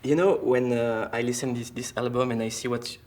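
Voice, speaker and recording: A man's voice: medium pitch, flat delivery, a little fast, darkish tone, slight background noise. Guy asking interview questions in english, jokey, middle voice. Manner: non-native phrasing, friendly and joking. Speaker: interviewer, host. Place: hotel room.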